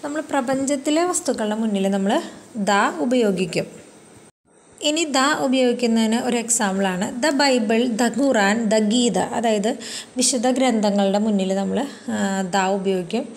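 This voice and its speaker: This is a woman leading a grammar class for exam students. Her voice sits a little high, and she moves patiently through each point, piling up examples and checking in often with tag questions. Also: moderate pace, darkish tone, a little hiss or hum. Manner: patient, explains step by step with many examples; frequent fillers and tag questions. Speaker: exam coaching teacher. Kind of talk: English grammar lesson explained in Malayalam.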